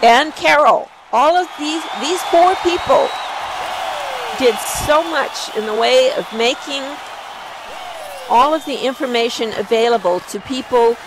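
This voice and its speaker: A woman's voice: sits high, a little slow, crowd noise, noisy background. A woman presenting awards live at an online event as the host, effusive in her praise.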